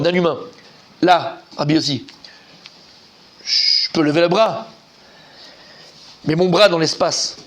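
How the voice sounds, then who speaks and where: A man giving an informal, animated Talmud class, quizzing his students and repeating key points. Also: fairly high pitch. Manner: lively, animated, asks students questions, repeats himself. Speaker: rabbi teaching Talmud.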